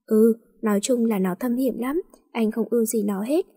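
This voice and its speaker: A woman voicing a sly older brother who gives an insistent warning, in a read-aloud story, with a husky voice. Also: fairly high pitch, normal speed, warm tone, long reverb tail.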